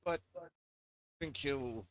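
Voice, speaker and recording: An unhurried speaker narrating a tabletop game in a casual way. The pitch sits in the middle and the words come slowly. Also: slight background noise.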